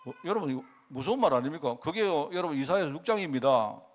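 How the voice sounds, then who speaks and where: A middle-aged pastor, preaching a sermon and often asking the congregation questions. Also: male voice, fairly high pitch, fast talker. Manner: animated, asks the congregation questions; acts out God's words in quoted speech.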